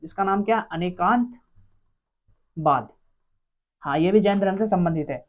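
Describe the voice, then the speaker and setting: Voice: mid-range voice, fast. A teacher running an exam-prep quiz lesson, asking each question aloud and answering it, repeating every answer several times. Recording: dull lo-fi recording.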